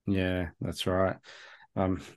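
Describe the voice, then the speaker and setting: A man hosts a laid-back sports podcast with a fairly low voice. He talks in an easygoing, chatty way, laughing often and filling gaps with ums. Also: monotone, drawn-out words. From Australia. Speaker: podcast host. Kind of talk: casual chat.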